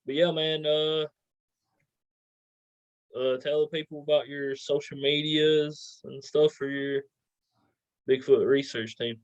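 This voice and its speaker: A man's voice: a little high, steady tone, takes it slowly, pauses often, no echo. Muffled, dry-sounding man interviewing. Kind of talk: casual chat.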